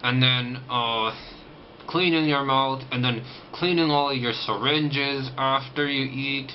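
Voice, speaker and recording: A man's voice: medium pitch, fairly even intonation, slow pace. A man chatting casually in a personal vlog, talking with a stiff, sore jaw. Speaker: vlogger recovering from jaw surgery. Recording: dull lo-fi audio, clear background noise.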